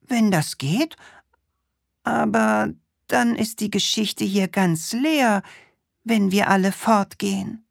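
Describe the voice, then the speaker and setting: A woman's voice: medium pitch, takes it slowly, vocal fry, no room sound, studio quality, pitched above the performer's own voice. A woman voicing a fretful, helpless storybook witch who frets and stammers. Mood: worried. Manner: worried and stammering.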